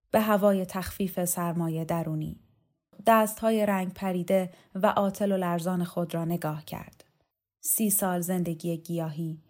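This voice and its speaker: A woman reader narrating a literary novel in a calm, measured way. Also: on the low side. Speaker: audiobook reader.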